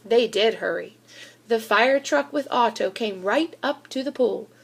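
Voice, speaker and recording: A woman reads a children's storybook aloud with expressive narration. Her voice is a little high and a little slow, with a breathy edge.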